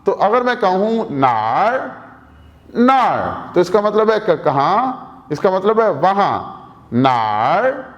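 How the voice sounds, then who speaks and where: A man's voice: sits high, big pitch swings, slow, lo-fi sound. A man with a Pakistani Urdu accent teaching a vocabulary lesson, saying each new word several times and then explaining what it means. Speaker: language teacher.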